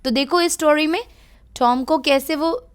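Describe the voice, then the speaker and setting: A woman's voice: high-pitched, moderate pace. A woman with an Indian English accent teaching a children's reading lesson, patiently explaining as she switches between Hindi and English.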